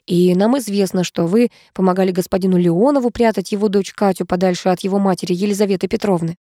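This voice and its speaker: A composed husband speaks in a calm, measured way, as a woman reads his lines. Her mellow voice sounds close and dry. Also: medium pitch, no room sound, close to an everyday voice.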